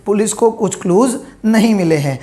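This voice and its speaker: A woman teaching a grammar lesson, dictating example sentences slowly and asking questions she then answers herself. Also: mid-range voice, animated, warm tone.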